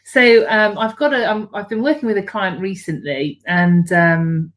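A woman of middle pitch answers interview questions as a book coach. She talks slowly and hesitantly, often pausing to restart her sentences. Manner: hesitant, many fillers and restarts. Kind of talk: casual interview chat.

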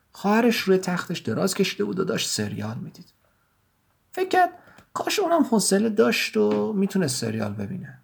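A man reading his own written story aloud in a measured, even storytelling manner. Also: mid-range voice, gravelly, husky. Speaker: writer and narrator. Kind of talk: scripted story narration.

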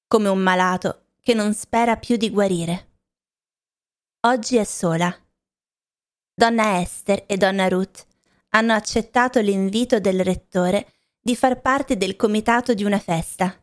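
A woman reading a simplified novel aloud for learners, in a measured, clearly enunciated narration. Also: medium pitch. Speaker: audiobook reader. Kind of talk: slow narration for language learners.

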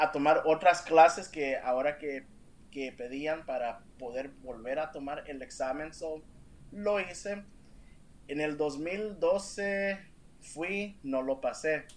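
Brief: male interview guest, slightly high voice, slow earnest storytelling with restarts. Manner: earnest, emphatic, stumbling restarts. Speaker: interview guest, real estate agent. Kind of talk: personal storytelling in a podcast interview.

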